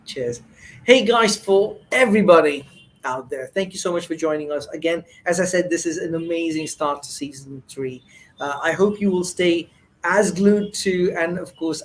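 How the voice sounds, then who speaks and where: Effusive male show host, a little high. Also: poor audio. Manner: effusive, many thank-yous and fillers.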